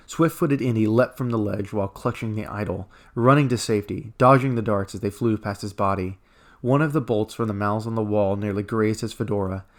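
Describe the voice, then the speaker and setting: Low-voiced man declaiming dactylic verse. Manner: declaiming in rolling, metrical dactylic rhythm. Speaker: narrator. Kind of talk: dramatic recitation of epic verse in dactylic hexameter.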